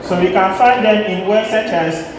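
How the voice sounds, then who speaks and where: A French teacher giving a deliberate, repetitive pronunciation lesson, demonstrating plain and nasal vowels and repeating each word for learners. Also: mid-range voice, steady tone, a crowd in the background. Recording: very echoey large room, background noise.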